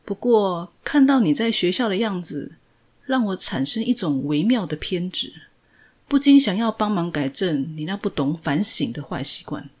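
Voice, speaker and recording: A man's voice: high-pitched, normal speed. A woman voicing a cold, condescending older male company chairman in a retold drama. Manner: calm, condescending.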